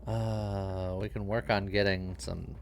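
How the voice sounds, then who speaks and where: A man's voice: low voice, little pitch movement, slow pace, vocal fry, soft background music. A man streaming a video game with a co-host, answering with dry, wry quips. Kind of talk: casual gameplay chat.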